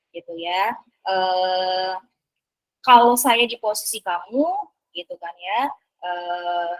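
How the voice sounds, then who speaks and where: A woman's voice: mid-range voice, rough recording. A woman teacher presenting to fellow teachers, talking with many fillers and tag questions.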